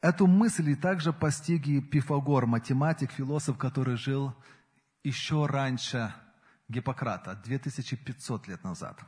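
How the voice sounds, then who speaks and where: A man's voice: medium pitch, normal speed, darkish tone, breathy edge. A man in his forties preaching a sermon in an earnest way, his emphasis rising and falling. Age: 40s. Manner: earnest, rises and falls in emphasis. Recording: long hall reverb.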